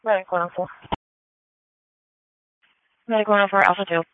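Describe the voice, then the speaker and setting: A woman's voice: mid-range voice, fairly even intonation, moderate pace, clean tone, no echo. A woman working as an emergency dispatcher, heard over dispatch radio, giving clipped, routine calls and confirmations. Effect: dispatch radio transmission. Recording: muffled lo-fi radio scanner audio.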